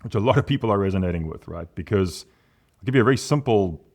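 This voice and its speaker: A man in his forties talks as a guest on a casual podcast. His voice sits fairly low, yet it leaps up and down as he presses his points with emphatic, animated energy. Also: fast. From South Africa. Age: 40s. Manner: animated and emphatic, big pitch swings.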